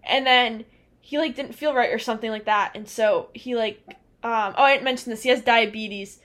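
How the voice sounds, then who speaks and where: A woman's voice: fairly high pitch, fairly even intonation, moderate pace, fairly bright tone. A woman in her twenties telling a personal story on a podcast, rambling with lots of "like" and "um" and laughing often. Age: 20s. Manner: rambling, fills with "like" and "um". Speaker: podcast co-host. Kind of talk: casual storytelling chat.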